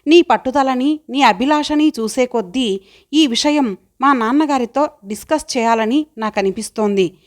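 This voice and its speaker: Caring young woman, affectionate and coaxing, slightly high, for an audiobook, read by a woman. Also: moderate pace, close to an everyday voice. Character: warm caring young woman, loyal friend.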